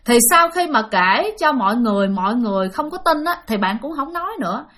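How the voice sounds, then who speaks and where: A woman's voice: fairly high pitch, animated, brisk, fairly bright tone. Chatty woman storyteller. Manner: chatty, addresses listeners directly. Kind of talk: spoken ghost storytelling.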